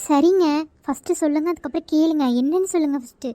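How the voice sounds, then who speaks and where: A woman voicing a very high-pitched lovesick college girl. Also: fast, dark tone, no room sound, close to an everyday voice. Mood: polite. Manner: earnest, sulky, insistent. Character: devoted young college woman, stubborn in love. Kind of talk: amateur audio drama.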